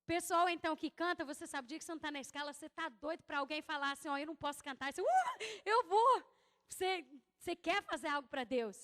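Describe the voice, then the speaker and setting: Very high-voiced, fast-talking woman pastor. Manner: animated storytelling, acting out her own dialogue. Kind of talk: testimony sermon. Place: church hall. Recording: long hall reverb.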